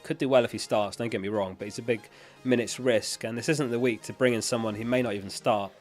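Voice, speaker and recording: Quick-paced and steady in tone, this mid-range male voice sits over soft background music. The livestream host casually reads out and answers viewer questions in a matter-of-fact way, his sick voice starting to fail. Recorded on a close dynamic studio microphone.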